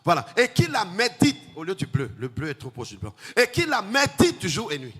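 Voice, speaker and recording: A male pastor, preaching a sermon in a chanting, sing-song way that builds to shouts. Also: sits high, huge pitch swings, moderate pace, slightly rough. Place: church hall. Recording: long hall reverb, faint music.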